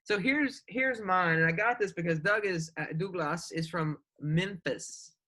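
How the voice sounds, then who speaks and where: A man's voice: sits high, pushed and bright. A man co-hosting a podcast, joking and teasing his guest in casual chat. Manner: joking, teasing, quick to banter. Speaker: podcast co-host.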